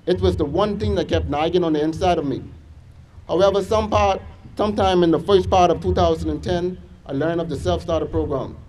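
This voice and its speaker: A young man with a Bahamian accent giving an earnest motivational speech to students at a school assembly, measured and list-like with small restarts. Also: fairly high pitch, mellow, slight background noise, poor audio. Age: young adult.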